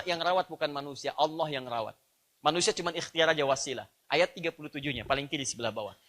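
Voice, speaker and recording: A man with an Indonesian accent delivers a sermon in a rather high voice. He stresses key phrases with lively lifts, then drops into softer explanatory asides. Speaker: preacher.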